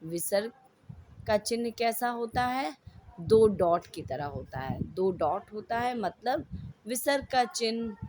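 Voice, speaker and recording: A woman leads an online lesson for young children. Her voice sits a little high and she speaks very slowly. She repeats each word patiently so the class can follow along. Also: expressive, darkish tone, a little hiss or hum. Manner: slow, patient, repeats words for children to copy. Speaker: teacher.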